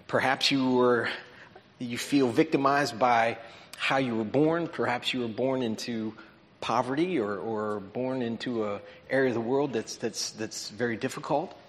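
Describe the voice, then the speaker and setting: Speaking at normal speed in a mid-range voice, a man preaches a sermon lesson, explaining conversationally and checking in with his listeners. The recording carries the long reverb of a large auditorium.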